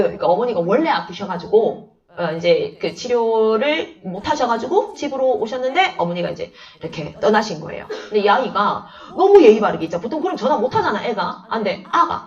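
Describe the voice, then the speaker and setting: A woman literature teacher lecturing in a chatty way, telling anecdotes and acting out the lines of the people in them. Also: mid-range voice. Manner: chatty, animated storytelling, acts out dialogue. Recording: dull, slightly distant lo-fi sound.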